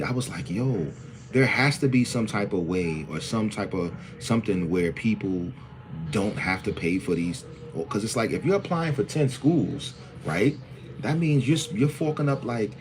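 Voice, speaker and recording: Guy in his 40s doing a live, real low voice, chatter behind him. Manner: loose, rambling, greets viewers by name. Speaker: livestream host. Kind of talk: casual livestream talk.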